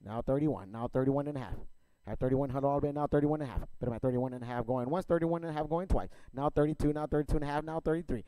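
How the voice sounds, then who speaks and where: A man working as an auctioneer, calling bids in a rapid, repetitive chant of numbers and stock phrases. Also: medium pitch, mellow, no echo.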